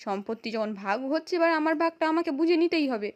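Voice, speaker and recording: A woman's voice: high-pitched, lively intonation, fast, pitched above the performer's own voice. Woman reading a greedy scheming matron. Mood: impatient. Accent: West Bengal. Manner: sharp, impatient.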